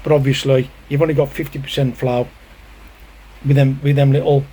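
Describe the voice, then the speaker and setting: A man's voice: medium pitch, flat delivery, fairly quick, warm tone. Exasperated man vlogging by his pond. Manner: rambling, exasperated, chatty with swearing. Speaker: hobbyist koi keeper. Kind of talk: casual vlog narration. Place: outdoors by a garden pond in heavy rain. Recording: faint rain noise behind. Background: rain and outdoor ambience.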